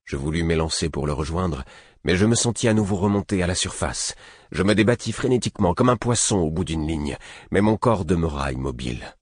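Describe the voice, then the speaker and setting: A man reading a novel aloud in the first person, measured and expressive. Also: sits low, husky, no echo, clean studio sound. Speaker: audiobook narrator.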